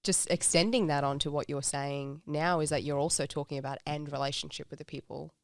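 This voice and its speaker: A woman's voice: sits low, fairly even intonation, fairly quick, no room sound, studio quality. A woman co-hosting a faith podcast, asking thoughtful questions and affirming the guest. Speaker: podcast co-host. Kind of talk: interview questions.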